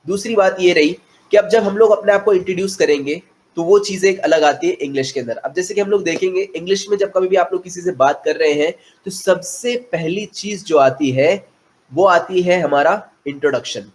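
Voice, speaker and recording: A man from India gives a classroom lecture on spoken English. His voice sits fairly high. He explains in Hindi, drops in English phrases and slows down to spell out letters one by one.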